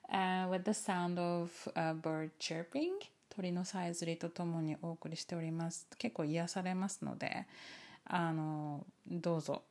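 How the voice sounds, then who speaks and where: A woman's voice: lowish voice, steady tone, unhurried, a little mellow. A woman chatting casually and unscripted as an online teacher and video host, switching between two languages and repeating herself in both. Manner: chuckles now and then while talking. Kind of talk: casual rambling chat to camera, unscripted.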